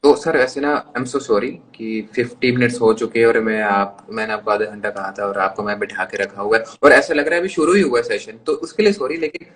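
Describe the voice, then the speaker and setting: A man's voice: medium pitch, brisk, few pauses, a bit bright, a little hiss or hum. A man with an Indian accent hosting a live stream interview, polite and eager. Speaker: interview host. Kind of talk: casual interview. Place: live stream video call. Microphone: video call.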